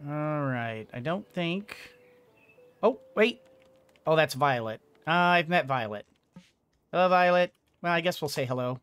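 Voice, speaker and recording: A middle-aged streamer at his indoor desk gives playful, rambling commentary on his game, with game music playing. His voice is on the high side, clear, resonant and fairly bright, with lively intonation, a measured pace and long pauses.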